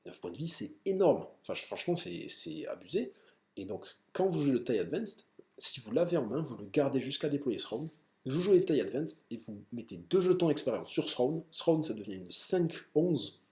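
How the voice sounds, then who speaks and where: A man casually explaining card game decks with enthusiasm, full of fillers and quick self-corrections. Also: medium pitch, big pitch swings, a little mellow, echoey room. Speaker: card game deck presenter.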